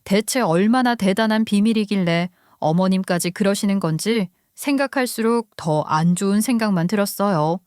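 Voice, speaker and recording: A woman narrating a listener's story in the first person, in a steady, confiding way. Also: medium pitch, moderate pace, few pauses, no echo, clean studio sound.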